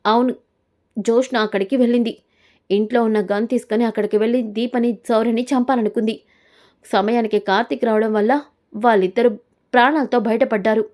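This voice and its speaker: A woman's voice: a little high, steady tone, fairly quick, darkish tone, natural voice. A woman voicing a grown son who firmly confronts his father and his daughter. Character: grown son, firm and accusing.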